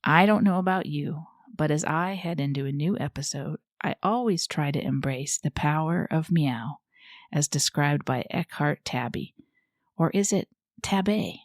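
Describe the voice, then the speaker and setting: A woman with a deep voice hosts a scripted podcast as a fussy, easily indignant goat reporter, delivering it in a prim, chatty, theatrical manner at a slightly slow pace. The studio-quality recording has no echo.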